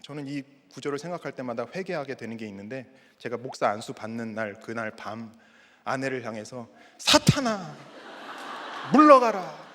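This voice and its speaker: A man's voice: mid-range voice, brisk. A middle-aged male pastor preaching a sermon, putting rhetorical questions to the congregation. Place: church sanctuary. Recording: long reverb of a church hall.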